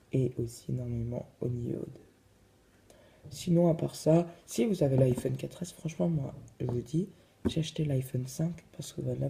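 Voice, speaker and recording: Hesitant man with a dark gravelly voice. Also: mid-range voice, a little hiss or hum. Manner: hesitant, full of fillers. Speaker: vlogger. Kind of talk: casual phone review vlog.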